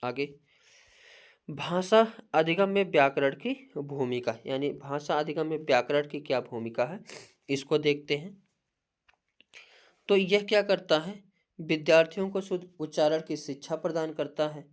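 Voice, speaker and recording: A Hindi teacher giving an exam-prep lecture, reading points in a steady listing voice and often asking a question mid-sentence, then answering it herself. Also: mid-range voice, unhurried.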